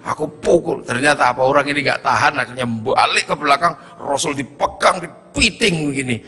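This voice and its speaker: A man preaching a sermon as a lively story, acting out the voices and swinging between shouts and low tones. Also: brisk, long reverb tail. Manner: animated, acts out voices, shouts and drops low.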